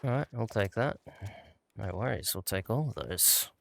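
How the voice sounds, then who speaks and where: A man's voice: on the low side, expressive, moderate pace, creaky, a bit bright, slight background noise. A man giving laid-back, casual commentary as he plays a game and talks himself through it. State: out of breath at times. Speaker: gaming channel host.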